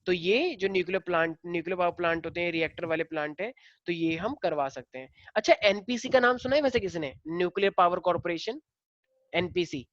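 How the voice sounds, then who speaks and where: A man's voice: high-pitched, fast talker, a bit bright, dry recording, lo-fi sound. A male teacher lecturing a class in a casual way, explaining step by step and firing questions at the students.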